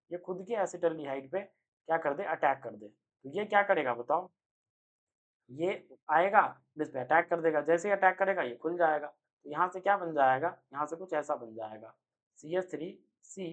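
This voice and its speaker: A young man giving an energetic online chemistry lecture, speaking loudly and constantly quizzing his students with quick rhetorical questions. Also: on the high side. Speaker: chemistry teacher. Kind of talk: online exam-prep lecture.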